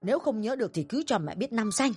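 A bossy middle-aged mother in an audio drama, her high voice leaping up and down as she berates her son in fast tirades, a woman acting her out. The scolding never lets up. Faint music plays underneath. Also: lively intonation, darkish tone, slightly rough. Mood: coaxing. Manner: shrill, bossy, rapid tirades.

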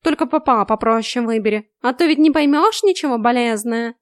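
Brief: woman doing a smug, high, loud old house cat in a storybook reading, all condescension and snark. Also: animated, fairly quick, no room sound, clean studio sound, lightly acted. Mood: mocking. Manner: sneering, condescending, snappy. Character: cheeky arrogant old male house cat.

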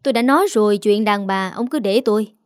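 A woman's voice: medium pitch, quick pace, clear, resonant tone, no echo, clean studio sound, natural voice. Woman doing a bossy, dismissive mother-in-law. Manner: curt, scolding.

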